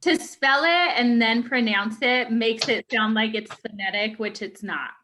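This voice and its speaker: A woman's voice: on the high side, measured pace, sharp tone, slight background noise. A woman student in an online class, asking the teacher casual questions.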